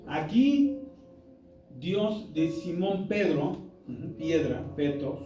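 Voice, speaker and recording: Man, Bible class teacher, slightly high voice, emphatic and chatty, echoey room, far from the mic, music underneath. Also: expressive, slow. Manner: conversational and emphatic, quizzing the congregation. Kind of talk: interactive church Bible lesson. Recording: roomy hall, distant mic, music behind.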